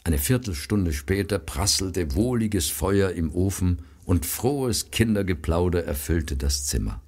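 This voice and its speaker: Slow, deep, husky male storyteller. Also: expressive, darkish tone. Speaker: narrator. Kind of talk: reading a story aloud.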